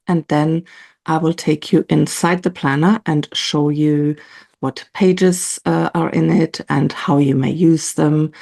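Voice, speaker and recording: A woman's voice: sits low, creaky, darkish tone, husky. A middle-aged woman, a planner designer and online entrepreneur, giving a casual, chatty product walkthrough to her camera, often using "you know" as a filler.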